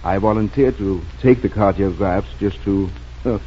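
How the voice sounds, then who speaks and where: An actor playing a kindly, gently humorous small-town family doctor in a 1940s radio drama. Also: male voice, on the low side, moderate pace, husky. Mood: regretful, pondering. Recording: dull, noisy 1940s radio recording.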